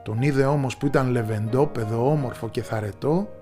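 Man narrating a fairy tale. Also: soft background music. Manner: measured storyteller's telling, dropping low in quiet moments.

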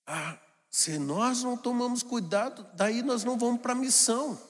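A man preaching a homily with an animated, storytelling manner. His voice sits high for a man. Long reverb from the church rings behind him. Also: moderate pace. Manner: animated, acts out family scenes in put-on voices. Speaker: priest.

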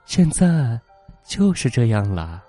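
A man voicing an unsettling young wife in a horror story, sweet and tender in manner but turning shrill. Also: very animated, takes it slowly, warm tone, faint music behind. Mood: eerily sweet.

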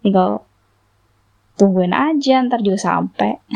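A woman's voice: mid-range voice, takes it slowly, gravelly, a little mellow. A young woman vlogger telling a personal story in a casual, chatty way, full of fillers and little laughs.

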